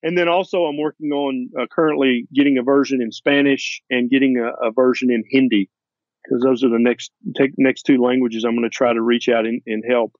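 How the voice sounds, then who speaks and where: Male interview guest, doctor, Tennessee accent. Emphatic and folksy, mid-pitched, close dry sound, a little lo-fi. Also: fairly even intonation, a little fast, a little mellow, no echo. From Tennessee, USA. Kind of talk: conversational interview.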